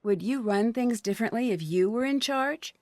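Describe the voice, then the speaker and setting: A woman's voice: a little high, moderate pace, a little mellow, no room sound, studio quality, close to an everyday voice. An actress playing a polite, earnest and inquisitive young female detective in a video game. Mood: curious. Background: music.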